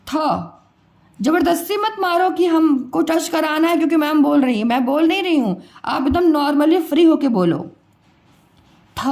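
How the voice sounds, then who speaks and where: A woman's voice: high-pitched, a little mellow. A woman teacher giving a pronunciation lesson, patiently repeating each sound and quizzing her students.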